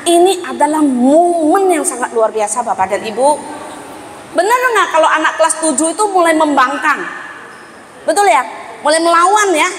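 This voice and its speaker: A woman giving a lively parenting seminar, quizzing the audience and acting out parents and children. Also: sits high, slight background noise. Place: school hall seminar. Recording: reverberant hall with faint ambience.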